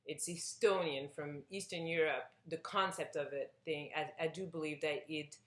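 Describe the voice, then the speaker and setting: A woman's voice: sits low, steady tone, moderate pace, a bit bright, echoey room. A woman from Belgium chatting casually to camera, telling a personal story with lots of fillers and restarts. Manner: hesitant, rambling, with many fillers and restarts. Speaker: vlogger.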